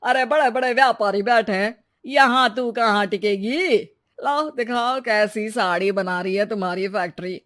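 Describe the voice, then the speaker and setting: A woman's voice: a little high, moderate pace, a bit bright, close to an everyday voice. A woman voicing a scornful, confrontational doubter in a cartoon moral story. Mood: mocking. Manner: confrontational, mocking. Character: challenging, scornful doubter of a newcomer.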